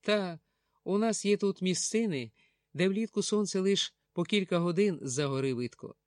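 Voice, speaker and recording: A man's voice: high voice, lively intonation, normal speed, no echo, clean studio sound, pitched above the performer's own voice. A man doing a terse mountain instructor. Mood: inviting. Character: terse, stern young mountain ski instructor.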